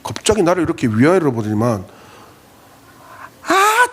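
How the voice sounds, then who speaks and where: Middle-aged male youth pastor, animated storytelling sermon, pitch set a bit high and swinging widely. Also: brisk, slightly rough. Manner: animated, storytelling, jokes and acts out scenes.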